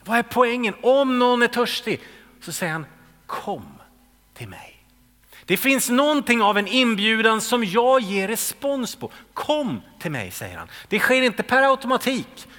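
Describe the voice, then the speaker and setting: Male pastor, high bright voice, sermon that swings from hushed to shouted, in a reverberant church hall. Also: sing-song. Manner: swings between hushed whispers and loud calls.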